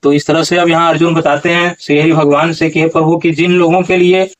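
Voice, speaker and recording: A man teaching how to pronounce a Gita verse. He talks slowly, asks questions and corrects recitations. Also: on the high side, level tone, poor audio. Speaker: Sanskrit pronunciation teacher.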